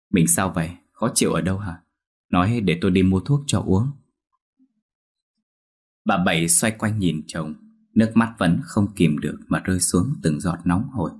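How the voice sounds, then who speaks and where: Deep husky male ghost-story narrator.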